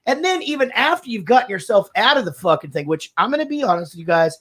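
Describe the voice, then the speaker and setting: A man's voice: high voice, fast. A man in his thirties, a podcast co-host and father, telling stories in profane casual chat and acting out the other people's voices. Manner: animated storyteller, doing voices in quotes.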